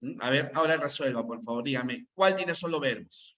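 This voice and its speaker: Bright-voiced man teaching grammar. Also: mid-range voice, moderate pace, dull audio. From Peru. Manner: quizzing students with rhetorical questions. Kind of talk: online grammar class.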